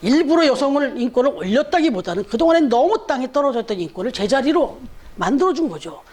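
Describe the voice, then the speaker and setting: A man with a very high voice preaching a Sunday sermon in church. He speaks in a conversational way, telling stories and putting rhetorical questions to the listeners. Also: very animated, quick pace, darkish tone. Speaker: pastor.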